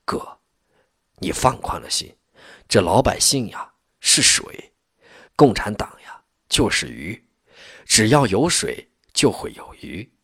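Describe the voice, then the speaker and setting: A man voicing a young communist cadre who reassures poor villagers earnestly, with a husky voice. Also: fairly low pitch, big pitch swings, slow pace, pauses often, a bit bright, no room sound, clean studio sound, heavily acted. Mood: reassuring.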